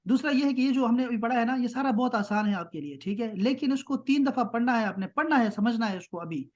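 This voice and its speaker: A man's voice: extremely high pitch, lively intonation, dull audio. Patient man teaching grammar online. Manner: patient, keeps checking with "ٹھیک ہے؟"; slows down to spell out Arabic terms. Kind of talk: online class lecture.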